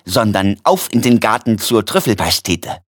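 A man's voice: fairly low pitch, very animated, moderate pace, dry recording, clean studio sound. A man voicing a courteous elderly male doctor who talks in a polite, effusive, formal way. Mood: courtly.

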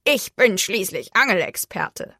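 A grumpy, vain crow from a children's storybook, as a woman reader puts him on, answering in gruff, curt lines. His voice sits lower and rougher than the narration, close and dry. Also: animated, a little slow, sharp tone, no room sound, full character voice. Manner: gruff, curt, self-important. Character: grumpy vain male crow, proud homebody.

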